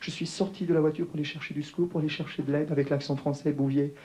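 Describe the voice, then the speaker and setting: A man's voice: fairly high pitch, completely flat delivery, fast, dark tone, slight background noise, lightly acted. A man putting on the voice of a prim, self-justifying widowed First Lady in a mocking way. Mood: affected. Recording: echoey theatre hall.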